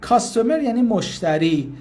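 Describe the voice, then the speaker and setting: A man with a fairly high voice leads a casual live language lesson. He greets viewers by name as he goes, and he repeats example phrases slowly and patiently. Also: sing-song, dark tone. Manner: explains patiently and informally. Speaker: English teacher.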